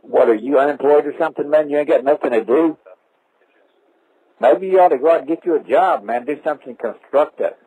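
A middle-aged man who owns a roofing business exchanges crude jabs and mockery in a slow drawl during a comic phone call. His voice is a little high and mellow with a breathy edge, coming through a tinny line.

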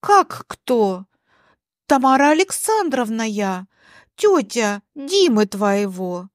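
A woman's voice: a little high, big pitch swings, takes it slowly, dry recording, clean studio sound. A woman voicing a flustered, fussy elderly aunt in a spoken story. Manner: fussing, pleading.

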